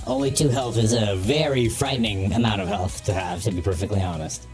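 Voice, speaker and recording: A man talking through a voice modulator filter, thinking aloud through each move as a streamer in casual gameplay commentary. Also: fairly low pitch. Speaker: streamer playing a card game.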